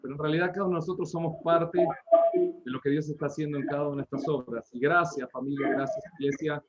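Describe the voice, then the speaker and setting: A man from Patagonia, giving a missionary report over a video call in a joking, lively way. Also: a little high, fast talker, highs cut off, very noisy. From Argentine Patagonia.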